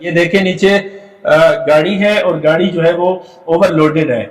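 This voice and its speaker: A man teaching a tajweed lesson from slides, explaining patiently with filler pauses and sounding out demonstration syllables. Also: fairly high pitch, fairly even intonation, reverberant, recorded from a distance, low-quality recording. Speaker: Quran recitation teacher.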